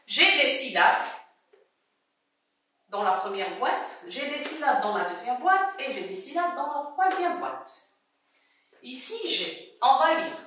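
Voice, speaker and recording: A woman teaching a first-grade reading lesson, speaking slowly, repeating words and syllables and praising often. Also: high-pitched, very animated, fairly bright tone, distant mic, slight background noise. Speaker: primary school teacher. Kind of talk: slow classroom lesson for young children. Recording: echoey room, voice away from mic.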